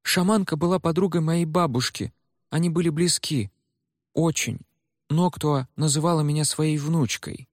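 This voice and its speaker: A man's voice: on the high side, moderate pace, dry recording, clean studio sound, pitched above the performer's own voice, lightly acted. A man voicing a frightened young woman who pleads in a plaintive, sniffling way. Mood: pleading.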